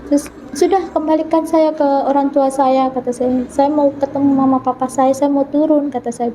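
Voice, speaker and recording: A woman's voice: high-pitched, fairly even intonation, normal speed, dark tone, a little hiss or hum, rough recording. A woman from North Sulawesi telling her personal story as a guest, earnestly acting out remembered dialogue. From North Sulawesi, Indonesia. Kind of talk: personal testimony in an interview.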